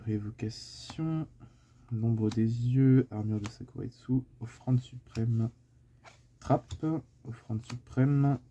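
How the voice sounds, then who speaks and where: A man's voice: mid-range voice, mellow, breathy edge, highs cut off. A man with a French accent sorting through his collection of trading cards, reading off card names one by one in a casual vlog. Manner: reels off card names one after another.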